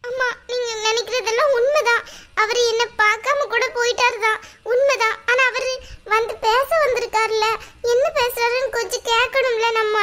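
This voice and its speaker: A gentle young cartoon wife who pleads and hopes, as a woman voices her. Her voice is very high and bright. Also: steady tone, moderate pace. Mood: pleading. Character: gentle young wife, hurt but hopeful. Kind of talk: cartoon voice acting.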